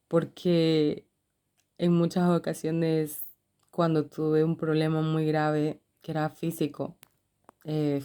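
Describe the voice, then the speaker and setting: Woman, middle-aged, earnest religious testimony, low pitch, very mellow dark tone, repeats phrases. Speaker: religious video creator.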